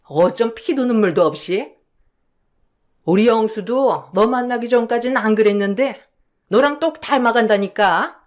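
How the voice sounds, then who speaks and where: A stern older mother-in-law drags out each reproach in slow, scolding speech, as a woman narrator puts her on. She sides with her younger daughter-in-law. It is read aloud like a radio drama. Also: fairly high pitch, darkish tone, natural voice.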